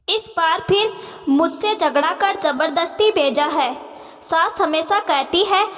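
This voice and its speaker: A woman's voice: very high voice, a bit bright, heavily acted. A woman voicing a hurt young married daughter who hesitantly confides her troubles, in a reverberant room.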